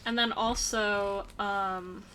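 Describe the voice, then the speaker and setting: A young woman co-hosting a casual crafting vlog, teasing her friend with quick, wry one-liners. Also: medium pitch, fairly even intonation, bright, forceful tone, slight background noise. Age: young adult. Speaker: vlog co-host. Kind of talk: casual chat while crafting. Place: indoors at a craft table.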